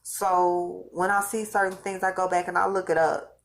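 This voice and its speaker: Speaking in a fairly low voice with vocal fry and little pitch movement, this woman talks to her viewers at a moderate pace. She's a vlogger whose voice is going, and her casual monologue about religious visions wanders, with phrases repeated and restarted.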